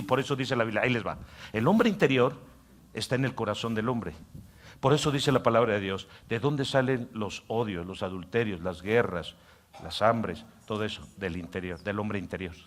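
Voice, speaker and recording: A man preaching a sermon as pastor, swinging from loud, emphatic lines to soft muttered asides where he acts out a tempting inner voice. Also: medium pitch, normal speed. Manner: acts out the inner voice in quiet mocking tones.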